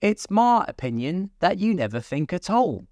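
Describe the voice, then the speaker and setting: Storybook: a haughty, sharp-tongued female rose, high-pitched, voiced by a male reader. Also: very animated, moderate pace, no room sound, studio quality. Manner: haughty, critical.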